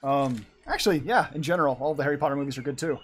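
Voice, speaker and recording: He sounds a little high and slightly rough, talking very fast. The young man, in his twenties, laughs often and rambles casually as he draws on a live art stream.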